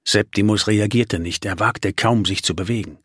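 A man narrating a storybook in a measured, vivid way, recorded close on a studio mic. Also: fairly low pitch, fairly bright tone, husky, no echo. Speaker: audiobook narrator. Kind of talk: storybook reading.

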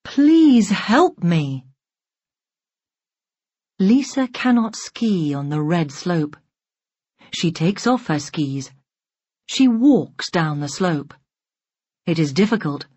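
A woman narrating a simple learner's story in a slow, deliberate, carefully spaced reading. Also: sits low, animated, a little mellow, husky, no room sound. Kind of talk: slow graded-reader narration.

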